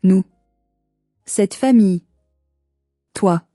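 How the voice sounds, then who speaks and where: A cold and haughty mother with a cruel streak, read out by a woman narrator, each phrase icy and clipped. The voice is dark and mellow in tone, recorded close and dry with no room around it. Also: medium pitch, very slow, dry recording, soft background music. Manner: icy, cutting, clipped delivery.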